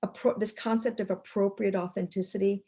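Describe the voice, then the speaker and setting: A woman's voice: medium pitch, steady tone, a little fast, dark tone, husky. An older woman telling a story as a guest speaker in a fireside chat. She restarts and repeats words as she goes.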